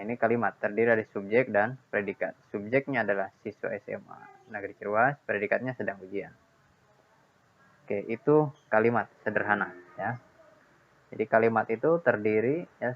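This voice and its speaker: A man's voice: fairly low pitch, steady tone, fairly quick. A man teaching a grammar lesson, explaining patiently and repeating key points with checks like "ya" and "nah". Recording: dull lo-fi sound.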